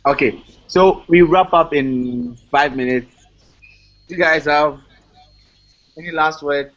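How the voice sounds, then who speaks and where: A male host with a fairly high voice leads a casual online chat, upbeat, friendly and quick to laugh. His audio comes through dull and lo-fi.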